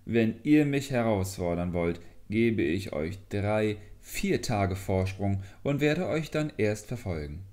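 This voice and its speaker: A man's voice: fairly low pitch, lively intonation, takes it slowly, few pauses, a little mellow. A man voicing a proud male deer in a fairy tale, mocking at first, humbled at the end. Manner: mocking, then breathless and apologetic.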